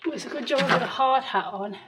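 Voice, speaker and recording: A woman's voice: high voice, fast talker, background noise. A woman vlogging casually, chatting and thinking aloud as she explores outdoors. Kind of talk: casual vlog narration. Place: outdoors and in a small underground cellar.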